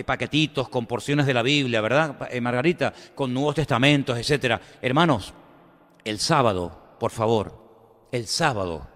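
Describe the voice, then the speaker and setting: A man preaching a sermon in a conversational storytelling manner, swinging between loud emphatic lines and quiet asides. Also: medium pitch. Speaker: pastor. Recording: long hall reverb.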